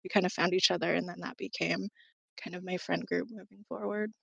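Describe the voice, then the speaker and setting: A woman's voice: on the low side, steady tone, fairly quick, vocal fry, a bit bright, slightly rough, no room sound, muffled recording. A woman in her thirties from Southern California, a podcast guest talking casually with many ums and likes and small laughs. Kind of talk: casual chat.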